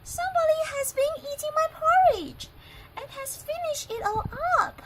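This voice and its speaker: A woman voicing a small young male bear cub in a storybook, squeaking in a tiny voice. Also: animated, moderate pace, very noisy. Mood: squeaky, upset.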